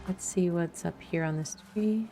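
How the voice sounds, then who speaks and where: Over background music, a woman livestreams a game with casual, playful commentary that pokes fun at herself. As a game streamer and host, she speaks at a normal speed in a mellow, fairly low voice.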